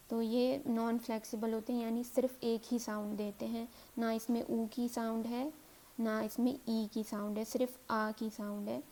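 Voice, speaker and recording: A woman teaching a grammar lesson as a recap, saying example words slowly three times over. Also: on the high side, dark tone.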